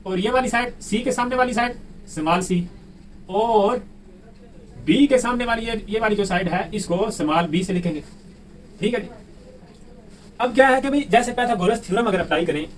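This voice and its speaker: A man with a Pakistani Urdu accent teaching a math lesson, who keeps asking the class questions and answering them himself. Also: sits high. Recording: distant mic with faint room noise.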